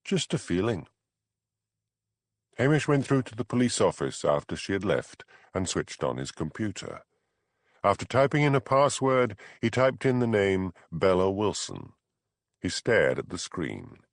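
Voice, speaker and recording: Male audiobook reader, low and lively, close dry studio sound. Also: moderate pace, no room sound. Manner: expressive, dramatic. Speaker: audiobook narrator. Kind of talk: scripted narration.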